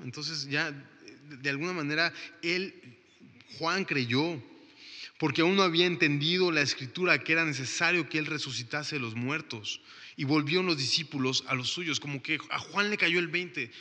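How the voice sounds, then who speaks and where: A man leads a relaxed Bible study, acting out the people in the passage as he goes. His voice is strikingly bright and a touch high. It carries a long reverb, as if in a large room. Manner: conversational, acts out the people in the story. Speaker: Bible teacher. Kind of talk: casual Bible study talk.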